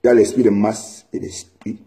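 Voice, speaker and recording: A man's voice: fairly low pitch, level tone, brisk, gravelly, mellow. A man from Cameroon ranting angrily at home, scolding and repeating himself. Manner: heated, scolding, repetitive. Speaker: vlogger. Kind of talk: angry direct-to-camera rant.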